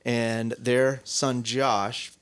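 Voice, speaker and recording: A man's voice: mid-range voice, little pitch movement, very slow, a bit bright, clear, resonant tone, no room sound. Dry-miked man telling a rambling story. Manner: rambling storyteller, self-correcting. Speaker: co-host. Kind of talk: casual podcast chat.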